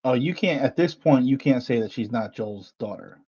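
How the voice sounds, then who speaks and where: A man's voice: medium pitch, lively intonation, moderate pace, a little mellow, slightly rough, dull audio. A man co-hosting a podcast, chatting casually and teasing his partner as he argues his view. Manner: teasing, argumentative. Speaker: podcast co-host. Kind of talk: casual chat.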